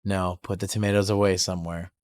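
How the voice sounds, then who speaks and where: A man reading the lines of a grim, protective young brother from a game, quiet and muttered. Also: level tone, fast talker, no echo, lightly acted. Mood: dry. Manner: low, muttered, quiet delivery. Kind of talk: reading game dialogue aloud.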